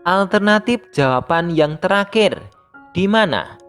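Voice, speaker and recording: Brief: steady, even-toned teacher voice reading a primary school lesson aloud, faint music underneath. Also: mid-range voice, a little slow, clean tone. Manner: reads steadily, addressing pupils as younger siblings. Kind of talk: scripted lesson narration.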